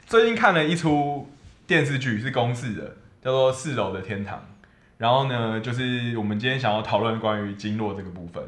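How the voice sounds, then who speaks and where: A man's voice: medium pitch, brisk, fairly bright tone. A man, co-hosting a casual podcast and asking curious questions. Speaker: podcast co-host. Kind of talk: casual chat. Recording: roomy echo.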